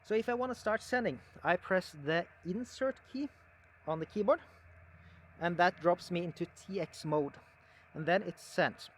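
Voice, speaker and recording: Explaining haltingly and conversationally, a man gives an unscripted, casual equipment demo as a hobbyist. His voice is high-pitched, and a little hiss or hum can be heard.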